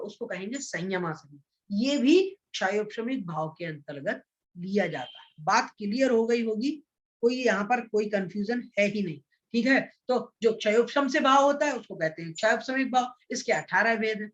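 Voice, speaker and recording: A man teaching a scripture class, patiently explaining and reciting verses slowly, syllable by syllable. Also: very high-pitched, a bit bright, lo-fi sound. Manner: patient, repeats points and checks understanding. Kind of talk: spoken lesson with slow recitation.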